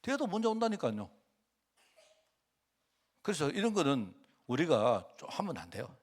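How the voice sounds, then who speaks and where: A pastor preaches at a moderate pace, keeping a conversational tone and often questioning the congregation. Lively changes in pitch and loudness run through his delivery.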